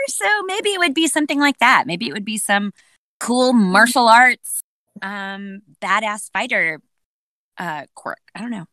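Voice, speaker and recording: A middle-aged woman answering fan questions as a voice actress on a convention panel, pausing often to search for her words. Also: medium pitch, sharp tone, dry recording. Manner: hesitant, searching for words with many ums. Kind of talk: casual panel Q&A.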